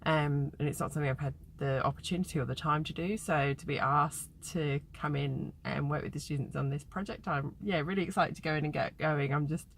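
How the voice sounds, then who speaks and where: A woman in her thirties talks straight to the camera in a personal vlog, open and reflective. Her voice sits low, with a faint hiss of background noise. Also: a little fast, few pauses. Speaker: fashion designer and vlogger.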